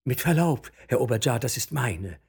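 A man's voice: medium pitch, lively intonation, normal speed, creaky, husky, voice pushed up, exaggerated voice. A man voicing a fussy, formal male court clerk in a storybook reading, speaking in an officious tone.

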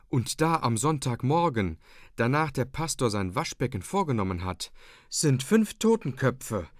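A man's voice: mid-range voice, no room sound, clean studio sound, lightly acted. A man voicing a breathless young maid who urgently tells of dire omens.

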